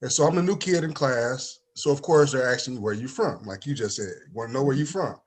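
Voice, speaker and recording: With a mid-range voice and a fairly quick pace, this talk-show guest, a life insurance agent in his forties from East Saint Louis, Illinois, USA, chats casually. He's a lively storyteller who acts out quoted lines and frequently says "you know what I mean."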